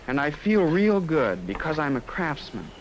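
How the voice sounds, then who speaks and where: A man's voice: on the high side, big pitch swings, moderate pace. An actor playing a sincere teenage craftsman, narrating his thoughts in a reflective 1950s educational film voice-over. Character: earnest teenage schoolboy craftsman musing to himself. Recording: faintly noisy 1950s film soundtrack.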